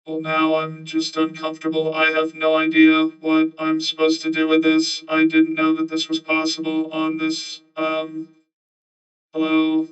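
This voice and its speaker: A male streamer talking through a voice changer that morphs his voice, playfully trying out silly voices. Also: on the high side. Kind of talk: casual live-stream banter. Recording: dull lo-fi sound with loud music. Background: music playing.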